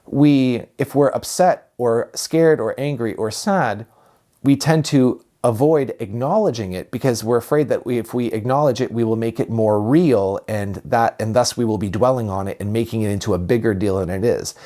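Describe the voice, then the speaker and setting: Calm man giving a reflective spiritual talk. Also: medium pitch. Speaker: spiritual teacher.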